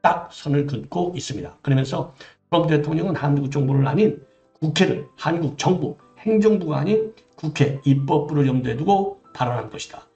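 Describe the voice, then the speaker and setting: A middle-aged male commentator with a gravelly, slightly high voice talks alone through a political briefing, stopping again and again for exasperated, emphatic asides. The sound is echoey and a little dull, with faint background music. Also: a little fast, dark tone. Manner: reads out a briefing, then breaks off to criticize it. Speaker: political commentator, former broadcast journalist.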